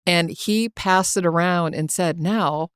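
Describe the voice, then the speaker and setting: A woman's voice: fairly low pitch, slow, clear, resonant tone, no room sound, studio quality. A woman co-hosting a casual teaching podcast, prompting her partner and sharing her own stories. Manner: encouraging, prompts stories, laughs easily. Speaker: co-host. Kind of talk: conversational podcast discussion.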